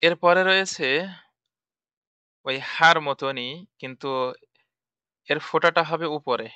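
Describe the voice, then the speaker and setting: A man's voice: on the high side, takes it slowly, bright, forceful tone, clean tone, no room sound, highs cut off. A man teaching Arabic letters for Quran reading, patiently repeating each sound drill-style.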